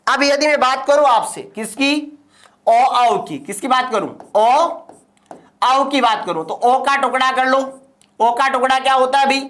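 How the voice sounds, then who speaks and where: A man's voice: extremely high pitch, unhurried, a bit bright. A male teacher gives a classroom grammar lecture. He keeps asking his students questions and then answers them himself.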